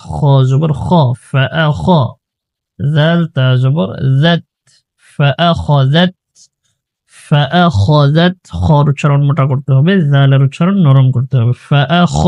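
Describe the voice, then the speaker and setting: A man with a Bangladeshi accent teaching Quran reading, chanting the verses slowly and spelling out letters and pronunciation rules. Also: mid-range voice, a little mellow, no echo. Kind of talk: slow recitation lesson with spelling drills.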